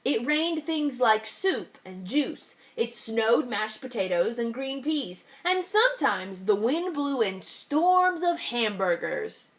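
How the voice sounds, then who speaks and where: A woman teacher reading a picture book aloud to young children, with a lively, expressive storytelling delivery. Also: fairly high pitch, slow pace, hardly any pauses. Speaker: kindergarten teacher.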